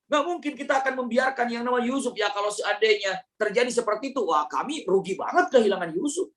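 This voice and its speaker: A man's voice: very high-pitched, lively intonation, fast talker, fairly bright tone, far from the mic, pitched above the performer's own voice. A man voicing Yusuf's older brothers as eager young men pleading their innocence.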